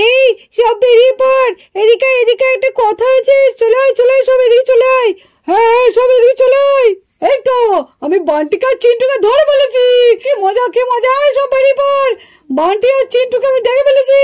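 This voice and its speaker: A woman voicing excitable, bossy village boys who find gold in a puppet cartoon. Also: very high voice.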